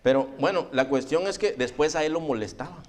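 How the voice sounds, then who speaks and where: Storytelling preacher man, higher voice. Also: fairly quick. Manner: storytelling preacher, calls listeners brother. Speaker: pastor. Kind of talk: sermon.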